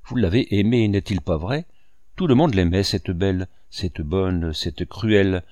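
A man's voice: deep voice, unhurried, darkish tone, no room sound. A man reading aloud, voicing an aging male painter who muses wryly and wistfully to his housekeeper. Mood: shaken. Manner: wry musing monologue addressed to a housekeeper.

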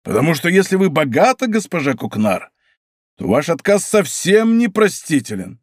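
A man's voice: a little high, very animated, moderate pace, dry recording, clean studio sound, pitched above the performer's own voice. A man voicing a boastful, good-natured musketeer who talks grandly and plays melancholy.

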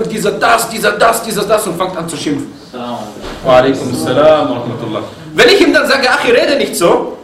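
Speaking in a mid-range voice, this lively Islamic preacher lectures on religion in German, dropping in Arabic quotes and asking his audience questions. The recording picks him up from afar in a reverberant room, with a little noise underneath.

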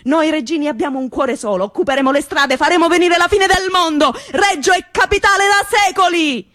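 A woman's voice: extremely high pitch, brisk, pitched above the performer's own voice. A woman voicing a fiery male mayor, haranguing a crowd in a stage monologue. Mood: shouting defiant. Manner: shouting, rousing oratory.

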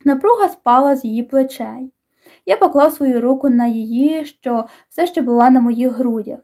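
High, mellow-voiced woman narrating. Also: normal speed. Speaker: audiobook narrator. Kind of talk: scripted narration.

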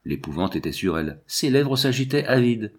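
A man narrating a classic novel with an expressive, varied delivery. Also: mid-range voice, moderate pace, slightly rough. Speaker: audiobook reader. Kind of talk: literary narration.

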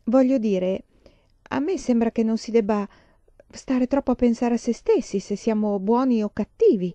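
Mary, a woman reading a gentle pious blind girl. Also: on the high side, normal speed, no room sound, voice pushed up, natural voice.

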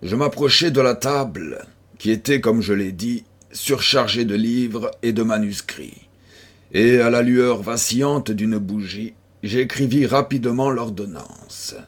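A man narrating an audiobook in a measured, steady storytelling way. His voice is husky and he reads at an unhurried pace. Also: medium pitch. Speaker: audiobook reader.

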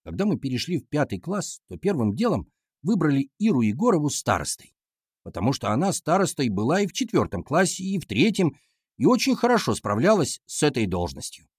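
A man narrating a children's story in an expressive, storytelling manner. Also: on the high side, fairly quick, husky, no echo, clean studio sound. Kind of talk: storybook reading.

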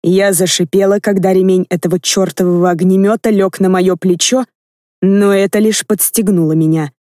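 A woman reading a first-person fantasy audiobook with lively, expressive narration. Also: medium pitch, normal speed, dry recording, studio quality. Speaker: audiobook reader.

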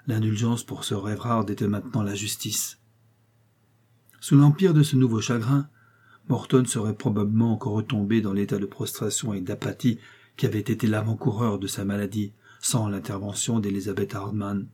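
A man narrating a classic novel in a measured, literary storytelling manner. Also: lowish voice, fairly even intonation, dark tone, slightly rough. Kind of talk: audiobook reading.

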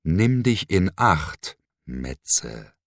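A man's voice: sits low, very animated, takes it slowly, no echo, clean studio sound, full character voice. A man voicing a mocking, menacing villain who sneers and hisses, in an audiobook reading. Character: mocking sinister man, cold cult leader.

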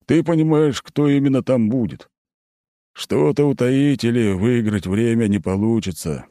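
A man's voice: mid-range voice, unhurried, dark tone, no echo, studio quality, voice pushed up, natural voice. A man voicing an aging, worried count and academy rector who gives urgent, insistent warnings in an audiobook. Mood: urgent pleading. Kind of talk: audiobook character voice.

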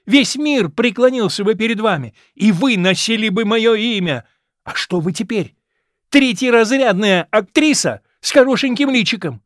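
A man reading the lines of a young man who turns cold and furious, declaiming loudly and with indignation. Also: sits high, lively intonation, normal speed, dry recording, studio quality, pitched above the performer's own voice.

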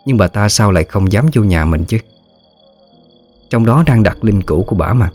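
A man narrating a ghost story in a steady, scripted storytelling manner. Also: lowish voice, normal speed.

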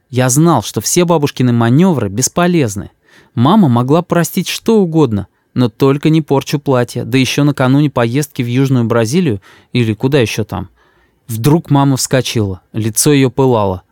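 A man reading a story aloud in an expressive storytelling manner. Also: mid-range voice, moderate pace, no room sound, clean studio sound. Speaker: audiobook reader. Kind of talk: scripted narration.

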